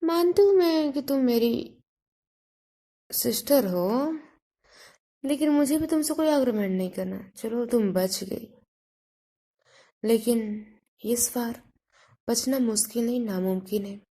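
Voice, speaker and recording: A woman's voice: on the high side, measured pace, long pauses, dark tone. A woman voicing a threatening man, the heroine's brother, in a narrated Hindi love story, taunting as he threatens.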